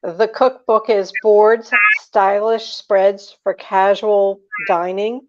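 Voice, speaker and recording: An older woman hosting a food show, interviewing a guest and reading plugs and announcements in a slow, deliberate way. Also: mid-range voice, level tone, a little mellow, dull audio. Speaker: radio host.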